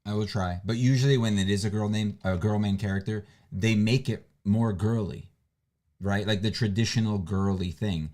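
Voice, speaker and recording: A man's voice: lowish voice, normal speed. A man co-hosting a livestream, chatting casually and rambling with frequent restarts. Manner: relaxed, rambling, restarts a lot. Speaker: livestream co-host. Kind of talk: casual chat.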